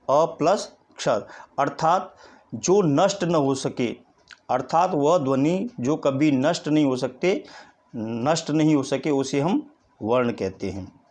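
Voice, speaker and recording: A man's voice: on the high side, expressive, slow, darkish tone. A man teaching a recorded Hindi grammar lesson, repeating each definition and spelling out letters one at a time.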